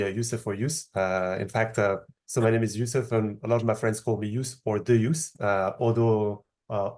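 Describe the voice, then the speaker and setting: A Moroccan startup founder in his thirties, appearing as a podcast guest, answers interview questions with a French accent. He explains in a measured way with frequent hesitations, his voice fairly low pitched and darkish.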